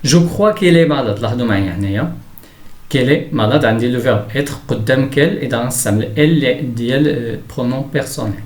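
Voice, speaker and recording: A man with a Moroccan Arabic accent teaching a grammar lesson. He explains in Arabic and reads his example sentences slowly and carefully. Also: medium pitch, darkish tone, echoey room.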